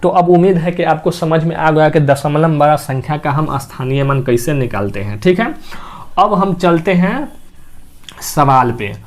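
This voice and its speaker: A man's voice: on the high side, lively intonation, moderate pace. A man teaching a maths class, explaining step by step and asking and answering his own questions. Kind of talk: classroom lesson.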